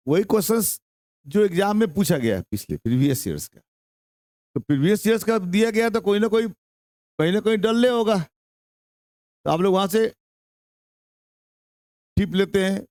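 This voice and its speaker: A man's voice: high voice, darkish tone, dry recording, clean studio sound. A young man with a Bihari Hindi accent teaching an English grammar lesson to a class, drawing out his words and repeating questions and answers.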